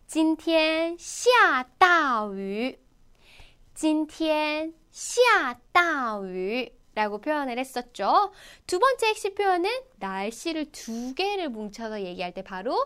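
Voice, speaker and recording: A woman's voice: high voice, sing-song, moderate pace, hardly any pauses, clean tone. A woman teaching Chinese in Korean, coaxing her students to repeat phrases aloud with her. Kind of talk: online language lesson.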